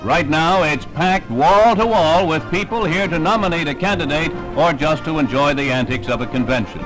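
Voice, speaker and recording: Male narrator for a vintage 1960s newsreel, formal announcer read with a slightly raised pitch, recorded over loud music. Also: moderate pace, rough recording.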